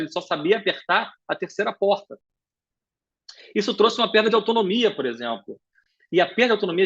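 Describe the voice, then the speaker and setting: Husky-voiced Brazilian man lecturing quickly. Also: high voice, muffled recording. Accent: Brazilian Portuguese. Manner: brisk, animated lecturing with frequent filler "é". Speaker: guest speaker, professor. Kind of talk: live webinar lecture.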